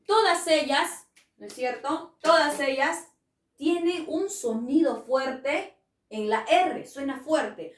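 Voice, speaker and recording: A woman's voice: high-pitched, takes it slowly, recorded from a distance. A woman teaching a spelling lesson to children, patient and coaxing, often asking the class questions. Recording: echoey room, voice from off-mic.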